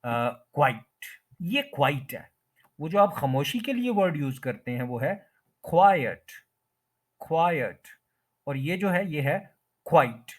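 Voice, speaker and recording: A man teaching English pronunciation as an explanatory lesson, repeating each word slowly and breaking it into syllables. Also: a little high.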